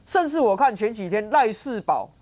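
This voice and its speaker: Sharp-tongued woman commentator. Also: fairly high pitch, lively intonation, normal speed. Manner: sharp, sarcastic, argumentative. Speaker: political commentator guest. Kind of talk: TV political talk show commentary. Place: TV studio.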